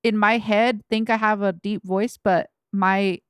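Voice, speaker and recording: A rapper from Los Angeles, USA, chats casually as a podcast guest, rambling with plenty of fillers, restarts and frequent laughs. Her medium-pitched voice is steady and unhurried, recorded cleanly at studio quality with no echo.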